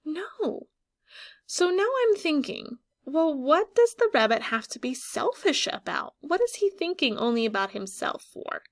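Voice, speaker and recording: In a sing-song, fairly high voice, a woman reads a picture book aloud to young children the way a teacher would. She's expressive and clearly instructive, elongating key words and asking questions with pauses for thinking time.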